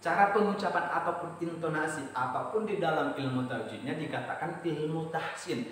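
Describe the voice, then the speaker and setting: An Indonesian man with an Indonesian accent explaining letters in a casual lesson, chanting recited verses slowly. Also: fairly high pitch, a bit bright, far from the mic. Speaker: Quran reading teacher. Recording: very echoey room, voice off-mic, faint noise.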